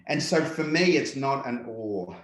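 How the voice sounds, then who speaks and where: A man with an Australian accent, a guest speaker talking reflectively in an interview, unhurried and full of "yeah" and "yep". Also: mid-range voice, expressive, reverberant, rough recording. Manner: unhurried, filler-heavy, repeats "yeah" and "yep". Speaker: guest speaker, workshop presenter.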